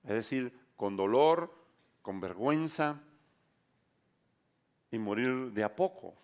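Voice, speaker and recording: A male pastor preaching a sermon, telling a story dramatically and shifting between soft and loud passages. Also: medium pitch, expressive, takes it slowly, highs cut off.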